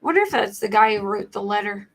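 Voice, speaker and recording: Speaking fast and expressively at a medium pitch, the American host sounds a bit bright despite a scratchy voice today. She comments on true crime cases during a casual livestream, wandering informally through her thoughts.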